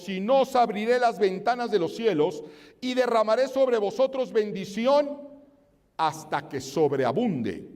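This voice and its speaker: A man's voice: high voice, darkish tone, in a large hall. A male pastor, preaching an emphatic sermon and reading scripture aloud.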